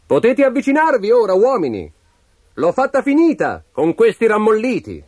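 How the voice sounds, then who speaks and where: A man voicing a boastful little tailor who shouts his bravado in a raised, high voice over music. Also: wildly swooping pitch, normal speed, exaggerated voice. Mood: triumphant. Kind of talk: storybook narration. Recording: music in the background.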